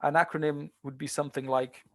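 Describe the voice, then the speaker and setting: A man's voice: fairly high pitch, level tone, a little fast, no echo. A man tutoring translation students in a seminar, talking in a conversational way with many fillers and restarts. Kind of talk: online seminar lecture.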